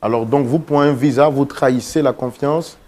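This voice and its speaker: An actor playing a talk-show host who asks formal, measured questions of his guests. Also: medium pitch, steady tone, warm tone, natural voice. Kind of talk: staged talk-show interview.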